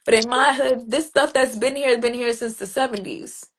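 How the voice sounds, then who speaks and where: A woman's voice: a little high, normal speed, breathy edge. A woman, a poet guest in an interview, telling stories in a casual way and acting out street greetings. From New Jersey, USA. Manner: animated storytelling, acts out street greetings in other voices.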